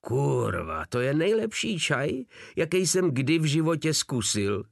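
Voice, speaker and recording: A man voicing a big, hulking, rough soldier who talks bluntly and coarsely. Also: on the low side, a bit bright, no room sound, clean studio sound.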